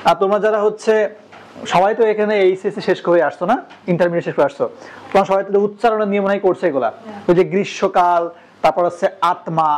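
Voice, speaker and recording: High-voiced man teaching a class. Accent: Bangladeshi Bengali. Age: young adult. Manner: asks the class questions, repeats answers. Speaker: coaching center teacher. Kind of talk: classroom lecture.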